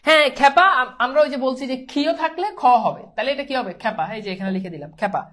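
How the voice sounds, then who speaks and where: Her voice high and fairly bright with big pitch swings, this fast-talking woman teaches Bangla pronunciation. She says things over again and nudges her students to tell her if they've understood.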